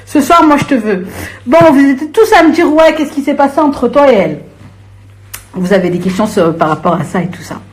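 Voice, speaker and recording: A young woman goes off on her live-stream audience in an animated, brisk rant, confrontational and slangy, shifting between low muttering and shrill outbursts.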